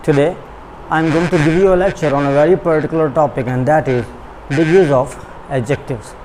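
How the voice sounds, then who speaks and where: A man with a Pakistani accent teaching English in a recorded online lecture, shifting between slow, deliberate English and quicker Urdu explanations. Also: fairly high pitch, darkish tone, a little hiss or hum, rough recording. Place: school classroom or studio.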